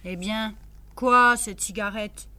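A woman's voice: medium pitch, fairly even intonation, takes it slowly, bright, forceful tone. A woman voicing a hot-tempered male sea captain who exclaims and blusters, in a storybook reading. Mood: puzzled.

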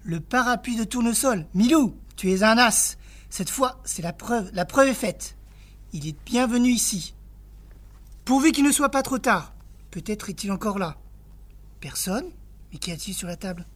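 A woman's voice: a little high, lively intonation, normal speed. A woman doing an eager young detective. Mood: curious, eager.

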